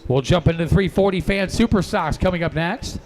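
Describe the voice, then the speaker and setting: A man announces a race over the track's broadcast system, giving live commentary in a declaiming announcer's manner amid background noise from the outdoor event. He talks fairly quickly in a high, slightly mellow voice.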